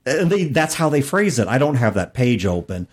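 A podcast host with a medium-pitched, very animated voice discusses tabletop gaming at a moderate pace. He lays out his points in a wordy, professorial way.

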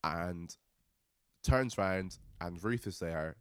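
Male co-host, very low, dry close sound, chatty and quick to laugh. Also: fairly bright tone, clean tone, no room sound. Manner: chatty, laughs often, retells scenes with energy. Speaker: podcast co-host. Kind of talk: casual chat recapping a TV episode.

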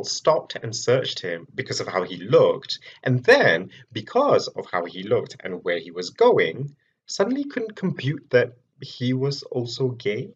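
Man, from Malaysia, researcher's talk, measured storytelling, breathy tone, muffled lo-fi audio. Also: lowish voice, a bit bright. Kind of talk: prepared public talk.

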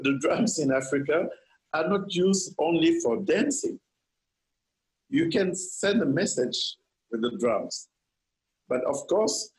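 A Senegalese architect answers interview questions earnestly, often restarting sentences and repeating words. His voice is a little high, and the recording quality is low.

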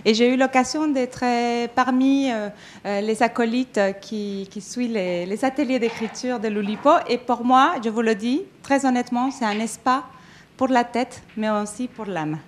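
A woman's voice: on the high side, normal speed, slight background noise. Hesitant woman from Mexico. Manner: hesitant, many fillers and restarts. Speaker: event organizer. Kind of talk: event introduction speech.

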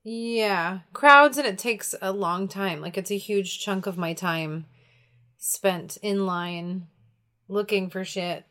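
A young woman with a bright, clear voice speaks very slowly and easily. She answers casually, relaxed and laconic, often with short agreeing sounds. She sounds like a guest in an unhurried chat. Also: mid-range voice. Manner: relaxed, laconic, lots of mm-hmms. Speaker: guest in conversation. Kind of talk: casual conversation.

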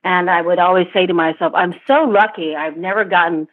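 A woman's voice: on the low side, a little fast, husky. Middle-aged woman on a tinny phone line. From born in Vietnam, raised in Asia and Africa. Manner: thoughtful, with frequent restarts and light laughs. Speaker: interview guest. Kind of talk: casual interview over a phone line.

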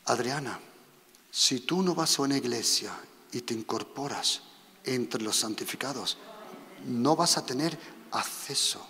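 A man from preaching a sermon, animated and repeating his instructions to the congregation. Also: medium pitch, unhurried. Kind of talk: sermon with live demonstration. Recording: long reverb of a hall.

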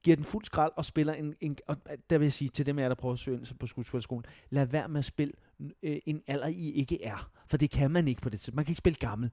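A young man from Denmark telling stories in a casual chat, animated, swearing and mocking himself. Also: fairly high pitch, hardly any pauses, no echo, clean studio sound. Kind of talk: casual podcast storytelling.

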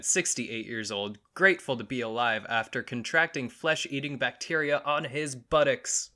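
Crude, bright-voiced podcast host. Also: male voice, medium pitch. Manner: crude, rambling, mock-outraged. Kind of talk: solo comedic podcast monologue.

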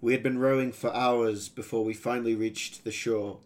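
A man reading a first-person fantasy adventure story aloud as its narrator, in a steady storytelling voice. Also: mid-range voice, moderate pace.

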